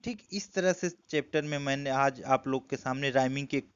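A man with an Indian accent teaching an exam-prep lesson, explaining step by step and reading quoted lines slowly. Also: mid-range voice, smooth, dry recording, lo-fi sound.

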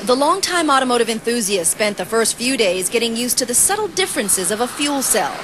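A woman TV reporter reading a scripted news feature voice-over in a polished, even delivery. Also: on the high side, fairly quick, noisy background. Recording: voice-over with music bed.

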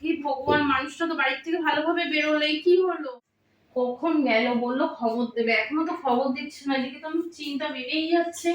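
A woman playing a high-voiced, fretful young wife. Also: quick pace, fairly bright tone. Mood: worried. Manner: worried, fretful. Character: young wife, newly widowed, distraught. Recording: echoey room, far from mic, faint noise.

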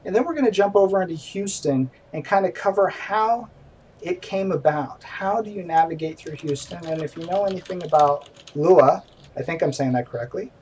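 The stream host, a middle-aged man, talks at a normal speed in a high-pitched, darkish voice, staying chatty and poking fun at himself during his casual home game stream. The low-quality recording catches him from away from the mic, with slight background noise and faint music.

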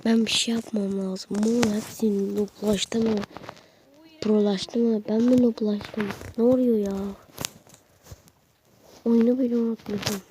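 A woman giving live commentary while playing a video game, excitable and urging her teammates on with slangy shouts. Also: on the high side, measured pace, pauses often. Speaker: gaming channel host. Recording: clear background noise and game clicks.

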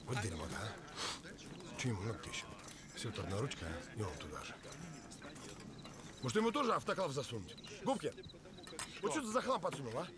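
An actor playing a grumbling, sarcastic soldier in a war film, brusque and colloquial. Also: male voice, lowish voice, lively intonation, a little fast, long pauses, crowd noise, natural voice. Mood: irritated. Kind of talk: naturalistic war film acting.

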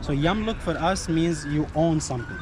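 A man's voice: fairly high pitch, expressive, normal speed. A man in his thirties from Egypt with an Egyptian accent, a tour guide patiently explaining history and repeating key words. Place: sunny outdoor courtyard by a mosque. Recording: outdoor street noise behind.

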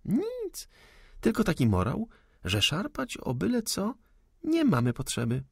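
A man's voice: high voice, huge pitch swings, measured pace, vocal fry, a little mellow, slightly rough, no room sound, studio quality, voice pushed up, full character voice. A man voicing a cool, ironic young lady. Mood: storytelling lively. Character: young proud lady of the manor, calm and witty.

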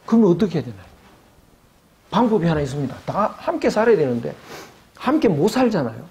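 A man's voice: a little high, big pitch swings, fast, darkish tone. An older man giving an academic lecture, asking rhetorical questions and acting out quoted voices.

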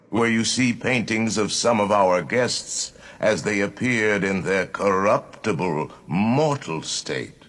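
A man's voice: low voice, a bit bright, slightly rough, exaggerated voice. An actor playing a grandly mocking male ghost host, in theatrical, ominous ride narration. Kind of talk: theme park ride narration.

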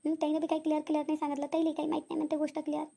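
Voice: sits high, monotone, rapid-fire, creaky, dark tone. A voice actor doing a fretful young cartoon wife. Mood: worried. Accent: Vidarbha Marathi. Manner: fretful, murmuring to herself. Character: worried young wife, soft and hesitant. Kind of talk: cartoon voice acting.

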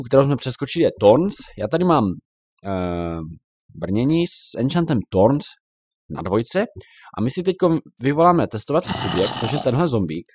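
A young man giving casual, chatty commentary while showing a game, now and then reacting loudly to in-game creatures. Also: mid-range voice, slight background noise. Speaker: Minecraft YouTuber.

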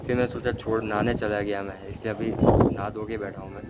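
A young man from India vlogging outdoors, rambling and self-critical, mixing English into his talk, with loud wind on the phone mic. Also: lowish voice, little pitch movement, brisk. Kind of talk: casual vlog chat. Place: outdoors by a road, wind blowing. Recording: loud wind and street noise.

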